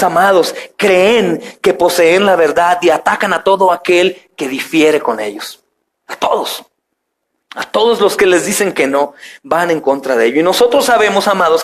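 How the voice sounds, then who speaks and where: A middle-aged man, a pastor preaching a sermon in a church, with rising, emphatic phrases and frequent direct address to the congregation. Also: fairly high pitch. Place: church sanctuary.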